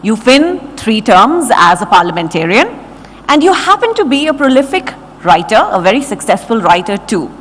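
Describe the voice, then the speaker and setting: A woman's voice: a little high, sing-song, normal speed, a bit bright. Woman announcing in a reverberant hall. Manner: formal, announcing. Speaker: event presenter. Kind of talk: stage introduction. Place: large hall on stage. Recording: long hall reverb with music.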